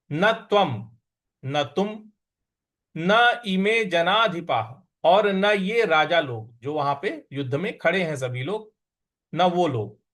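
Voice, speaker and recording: A man with a fairly high voice leads a recitation lesson, drawing out each syllable of a scripture verse at a very unhurried pace. He chants whole lines in a measured, sing-song way, then explains in plain Hindi speech. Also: a bit bright. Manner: drawn-out chanting of verses between quick explanations. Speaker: Sanskrit recitation teacher.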